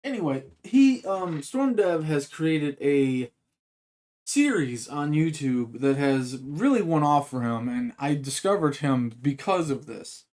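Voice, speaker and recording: A man's voice: a little high, big pitch swings, a little slow, darkish tone. A man rambling casually as he sets up a reaction to a video, with many fillers and restarts. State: hiccups. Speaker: reaction streamer.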